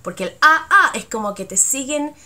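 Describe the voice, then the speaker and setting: A woman's voice: high voice, animated, normal speed, bright, forceful tone. A woman from Chile with a Chilean Spanish accent, playfully explaining slang in a comedic vlog and exaggerating sounds and intonation. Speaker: vlogger.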